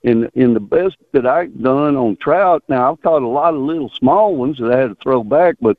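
Male radio caller, folksy and halting, mid-pitched, tinny narrowband phone sound. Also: no echo. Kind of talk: casual rambling chat.

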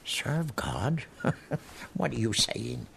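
An actor playing a very old, lonely widowed cobbler who chuckles often, in a radio drama with music underneath. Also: male voice, mid-range voice, sing-song, extremely slow, vocal fry, a bit bright, slight background noise, full character voice. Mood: wistful. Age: older.

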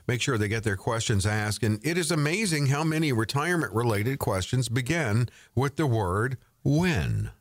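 A man's voice: mid-range voice, expressive, a little fast, few pauses, no echo. Chatty male co-host, dry sound. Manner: chatty, jokey, fillers. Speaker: co-host interviewer. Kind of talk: radio talk, introducing and asking questions.

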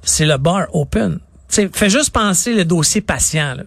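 A middle-aged man with a Quebec French accent, an IT consultant explaining things in an animated way on a talk show. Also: high voice, moderate pace, creaky, no echo, clean studio sound. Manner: animated, explanatory, acts out clients in quotes. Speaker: IT consultant guest. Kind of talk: radio talk interview.

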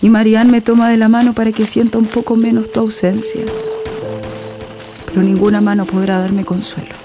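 A woman's voice: fairly high pitch, little pitch movement, moderate pace, over music, lightly acted. An actress voicing a desperate young mother fleeing with her baby, narrating in first person for an audio drama in a breathless, grieving manner.

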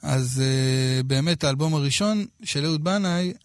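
A man in his thirties from Israel, telling a personal story in a casual, lively way with quoted dialogue. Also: a little high, no room sound. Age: 30s.

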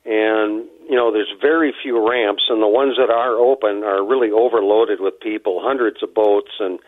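A man's voice: lowish voice, steady tone, normal speed, dry recording. A man joining a radio show as the outdoors guest, a little winded and rambling with lots of fillers. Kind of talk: casual radio chat. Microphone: phone line. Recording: tinny phone line, dry.

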